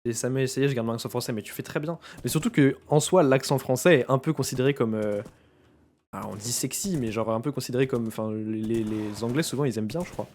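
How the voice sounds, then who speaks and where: A man's voice: medium pitch, quick pace, a little mellow. A young man with a French accent, chatting casually while streaming a game and rambling with plenty of fillers. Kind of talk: casual gaming chat.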